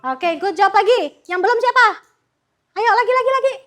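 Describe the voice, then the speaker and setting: Very high-voiced bright young woman teacher. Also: expressive, fairly quick, soft background music. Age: young adult. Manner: upbeat, coaxing, calls pupils forward. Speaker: student teacher. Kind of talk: classroom teaching. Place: primary school classroom.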